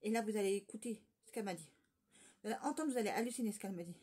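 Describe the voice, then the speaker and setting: Fast-talking woman telling a gossipy story. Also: mid-range voice, dark tone, slightly rough. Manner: rambling, gossipy retelling with many fillers and restarts. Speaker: vlogger. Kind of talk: casual storytime.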